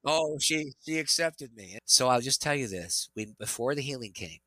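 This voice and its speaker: A middle-aged man, a pastor and interview guest, telling an earnest, animated testimony. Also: mid-range voice, moderate pace, dry recording, low-quality recording. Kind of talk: interview storytelling.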